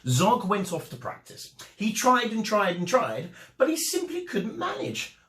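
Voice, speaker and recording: A man tells a children's story in a fairly high, very animated voice. He takes his time and stresses words dramatically. The recording has the echo of a room. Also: measured pace. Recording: echoey room.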